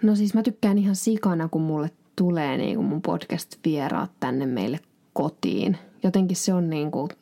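A woman's voice: sits low, animated, creaky, warm tone. A woman hosting her own podcast, chatting casually and answering listener questions, rambling with many fillers and restarts. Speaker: podcast host.

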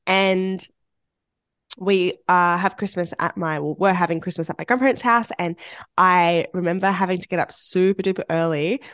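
A woman's voice: on the low side, steady tone, moderate pace, fairly bright tone, no room sound, clean studio sound. A woman hosting a podcast in casual, upbeat chat, her voice congested from a chest infection. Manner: upbeat and chatty, laughs often. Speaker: podcast host.

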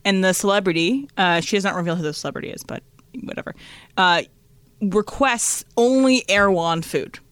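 A woman's voice: mid-range voice, moderate pace, fairly bright tone, dry recording. A woman chatting casually as a panelist on a radio show. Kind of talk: casual chat.

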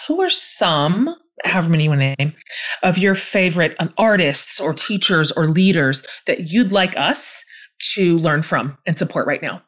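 A woman's voice: lowish voice, lively intonation, normal speed. A woman hosting a podcast interview, affirming and thanking her guest. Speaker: podcast host.

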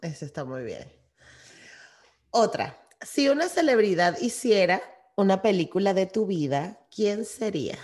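A woman's voice: mid-range voice, big pitch swings, a little slow. Venezuelan woman hosting a chatty interview. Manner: warm, affirming, laughs often. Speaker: podcast host. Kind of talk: casual interview chat.

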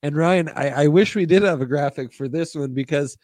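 A man's voice: a little high, a little fast, darkish tone, dry recording, studio quality. A man co-hosting a sports show in casual, wry chat, often repeating phrases for emphasis. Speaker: sports podcast co-host.

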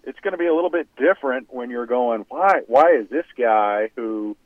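Ex football player guy calling in, tinny phone sound, dry, talks slow n thoughtful w lots of restarts. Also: mid-range voice, lively intonation, dry recording. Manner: measured, reflective, hesitant restarts. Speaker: former football player guest. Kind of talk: interview answers.

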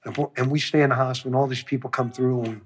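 Husky-voiced man telling a story, swearing. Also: mid-range voice, racing. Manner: profane, animated storyteller who acts out quotes. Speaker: music producer. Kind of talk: storytelling interview.

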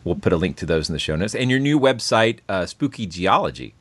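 Male host, conversational, lowish pitch, close dry recording. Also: big pitch swings, a little fast, a bit bright, breathy edge, no echo. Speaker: podcast host, interviewer. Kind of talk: casual chat.

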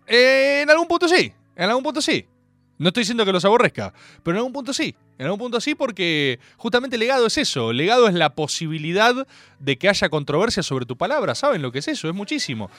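A young man with an Argentine accent hosting a radio show, rambling through stories in an animated, jokey way. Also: high-pitched, fast talker, soft background music. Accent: Argentine Spanish. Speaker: radio host. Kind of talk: casual radio monologue.

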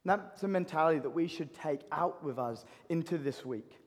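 A man preaching a sermon, animated and building to impassioned pleading. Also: fairly high pitch, moderate pace. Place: church hall. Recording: long hall reverb.

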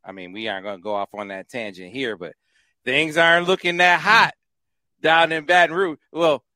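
A man hosting a recruiting podcast talks sports in a casual, animated way, prone to exclamations and repeating himself. His voice is fairly high with a sharp tone, moderately paced, on a dry recording.

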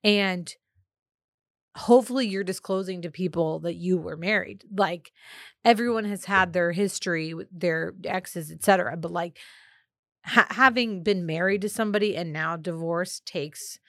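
A woman's voice: fairly low pitch, normal speed, a bit bright, no echo, clean studio sound. Chatty woman giving dating advice. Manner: chatty, lots of "like" fillers, opinionated. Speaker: podcast co-host. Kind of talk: casual advice chat.

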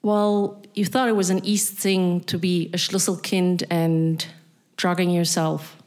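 Woman, German accent, middle-aged, spoken word monologue, unhurried, low voice. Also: little pitch movement, darkish tone. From East Berlin, Germany. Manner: slow, deliberate, addressing listener directly.

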